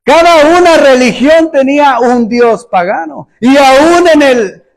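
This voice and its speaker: A man's voice: very high voice, slow. A male pastor preaching a sermon in an emphatic style, acting out sarcastic rhetorical questions.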